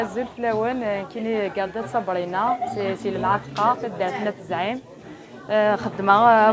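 A young woman in her twenties briefly introduces her pottery stand outdoors. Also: medium pitch. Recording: crowd noise behind.

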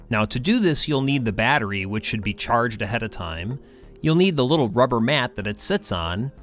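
Male instructor voice-over, animated pitch, clear steps, faint music underneath.

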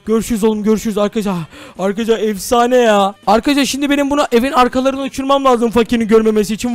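Excitable young male gamer, very high and rapid; close, dry mic. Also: clean tone, no echo. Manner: excitable, addressing viewers, exclaiming. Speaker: gaming YouTuber. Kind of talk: Minecraft role-play commentary.

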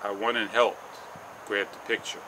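A man in his forties vlogging outdoors, rambling slowly and haltingly with frustration, on a clip-on mic. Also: on the low side, fairly even intonation, sharp tone, slight background noise. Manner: slow, halting, frustrated rambling with long pauses. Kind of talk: casual walk-and-talk vlog. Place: outdoors on a sunny garden patio and paths. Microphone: small wireless clip-on mic.

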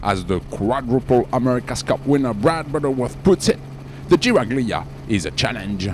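A man's voice: medium pitch, very animated, moderate pace, darkish tone, a little hiss or hum. A man reading a scripted sailing news voice-over.

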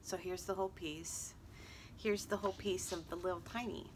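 A woman's voice: fairly low pitch, steady tone, normal speed, noisy background. A woman talking casually to her viewers about her crafts, rambling with fillers and joking asides. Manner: chatty, rambling with fillers and self-deprecating asides. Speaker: craft vlogger. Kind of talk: casual chat to camera. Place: outdoors at a table.

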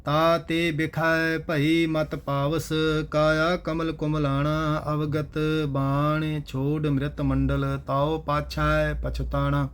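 A man with a Punjabi accent reciting scripture in a slow chant, pausing to explain how each word should be pronounced. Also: on the high side, little pitch movement, clear, resonant tone. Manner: measured, instructive, repeats each correct pronunciation. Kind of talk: slow chanted scripture reading with spoken pronunciation notes.

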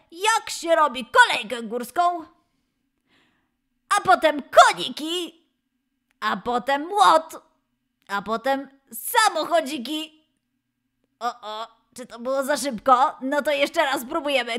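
A woman voicing a cheery male lion mascot who leads a children's dance and gymnastics class, calling out poses with excited, drawn-out cheers. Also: high voice, heavily acted. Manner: excited, sing-song cheering, drawn-out calls. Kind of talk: children's exercise instruction.

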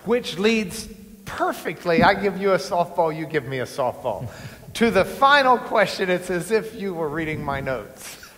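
A man's voice: sits high, big pitch swings, unhurried, fairly bright tone. Man moderating a panel in a hall. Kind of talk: panel discussion. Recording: long hall reverb.

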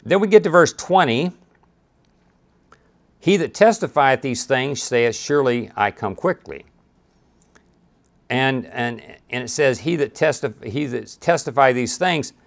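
A man's voice: mid-range voice, lively intonation, measured pace, pauses often. A man teaching a Bible study, reading scripture aloud and talking it through in a conversational way with frequent restarts and asides.

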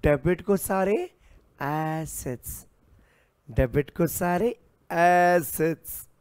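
A man's voice: fairly high pitch, drawn-out words, a little mellow, clean tone, dry recording. Theatrical male teacher. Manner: theatrical, acts out characters, sings snatches, repeats lines. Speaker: commerce teacher. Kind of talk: playful classroom lecture with a story.

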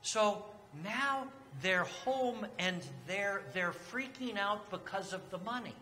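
Brief: casual storytelling pastor, slow and bright, recorded in a reverberant sanctuary. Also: male voice, sits high, a little hiss or hum. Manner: conversational storytelling, retells scripture in casual modern speech. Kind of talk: sermon. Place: church sanctuary. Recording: long church reverb, faint ambience.

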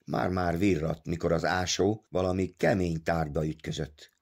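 A man narrating an audiobook in a measured storytelling manner. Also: low-pitched, fairly even intonation, creaky, darkish tone, breathy edge. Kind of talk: scripted narration.

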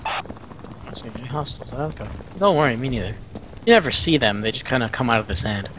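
Male gaming buddy, dry sarcastic banter, mid-pitched voice, clear gunfire behind. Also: expressive, fast, a bit bright, slight background noise. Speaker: co-player. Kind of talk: casual gameplay banter. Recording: voice call over game gunfire. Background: gunfire from the game.

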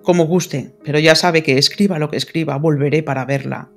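A woman voicing an earnest, lovesick English lord in an audiobook, speaking formally and pleading gravely. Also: low voice, brisk, faint music behind. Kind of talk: audiobook character reading.

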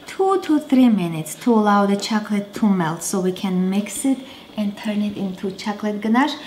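A woman in her thirties hosts a home cooking show, chatting casually while she cooks in her kitchen. Her mid-range voice is a little mellow, with a little hiss or hum, and faint clatter fills the roomy kitchen.

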